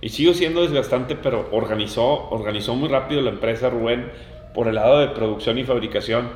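A man's voice: mid-range voice, brisk, a little mellow, a little hiss or hum. A man hosting a casual podcast, talking emphatically and repeating key words for stress. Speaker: podcast host. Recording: roomy echoing room.

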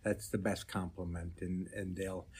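Male comedian interview guest, lowish pitch, conversational storyteller who repeats phrases for emphasis. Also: level tone, normal speed, darkish tone, slightly rough.

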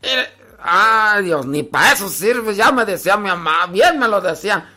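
A man playing an impatient husband who grumbles and barks orders at his wife in a loud, nagging way. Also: high voice, expressive, a little fast.

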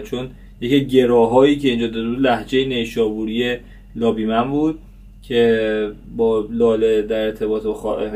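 A man's voice: on the low side, mellow, recorded from a distance. A man hosting a casual review vlog about a TV series, chatty and full of fillers.

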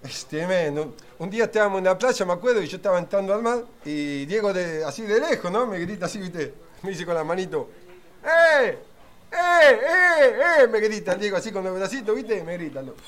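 A man's voice: sits high, quick pace, few pauses, close to an everyday voice. A man with a Rioplatense accent playing an earnest middle-aged man who tells rambling anecdotes full of fillers and asides in a comedy sketch. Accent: Rioplatense Spanish. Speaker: friend telling anecdotes.

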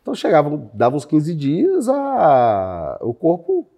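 A man with a Brazilian accent tells the story of how he started out, in a casual interview. His pitch rises and falls a lot, and he laughs easily as he acts out bits of old conversations. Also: huge pitch swings, unhurried, mellow. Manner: chatty, laughs often, acts out quotes. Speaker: guest, company founder.

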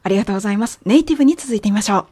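A woman teaching English with clear, patient explanations and slow, careful example phrases; Japanese is her first language. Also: mid-range voice, animated, background noise. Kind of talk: language lesson narration.

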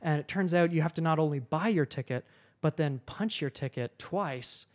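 A man hosting a podcast, telling a travel story to a live audience in an animated way, getting loud when he quotes himself. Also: on the high side, normal speed. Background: audience laughter.

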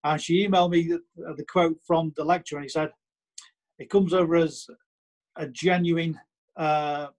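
A man's voice: a little high, fairly even intonation, normal speed. A man with a Stoke-on-Trent accent chatting casually on a podcast, emphatic and repeating his points with plenty of "you know".

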